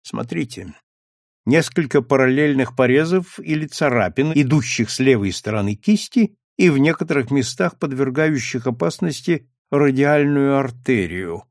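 A man voicing a calm, attentive male doctor who explains his observations in a measured way. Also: mid-range voice, no echo, studio quality, lightly acted. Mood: explaining.

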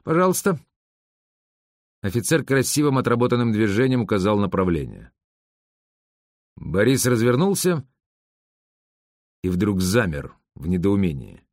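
A man reads an audiobook with a lowish voice and a steady, even delivery. The sound is dry and close to the mic, with no room around it. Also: normal speed, long pauses, no room sound. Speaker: narrator. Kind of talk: audiobook narration.

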